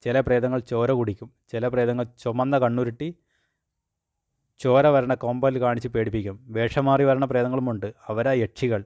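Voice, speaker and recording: A man's voice: mid-range voice, fairly even intonation, normal speed, a little mellow, no echo, natural voice. A man reading as a grumbling old grandmother.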